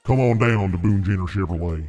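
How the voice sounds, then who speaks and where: A man doing a morphing voice-changer car-lot pitchman. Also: a little fast, roomy sound, distant mic, muffled recording, faint music behind. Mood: salesy. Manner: hammy sales pitch, shouting out deals. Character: loud male car dealership ad pitchman. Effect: voice changer morphing his voice. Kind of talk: gaming stream commentary bit.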